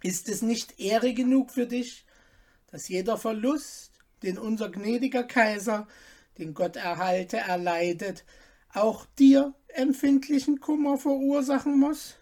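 A woman's voice: on the high side, unhurried, mellow, voice pushed up. Teasing court jester, put on by a woman reader, mocking, storybook. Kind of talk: audiobook reading.

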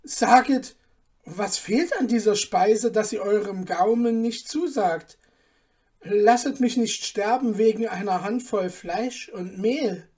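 A woman's voice: mid-range voice, slow pace, darkish tone, husky, voice pushed up. A woman voicing a frightened little dwarf cook in a storybook reading, pleading and begging.

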